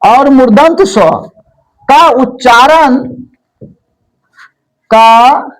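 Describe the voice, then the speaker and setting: A woman's voice: sits high, drawn-out words, poor audio. A woman teaching a grammar lesson, repeating each term and asking and answering her own questions. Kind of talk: classroom lesson.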